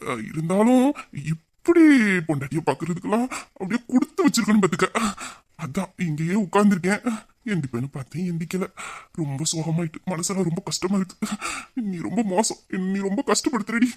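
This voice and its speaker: A playful young husband , as a man acts him out in an audio drama, teasing his wife in a fairly high voice. He plays up a mock-sad, smug manner. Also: animated, brisk, darkish tone. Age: young adult.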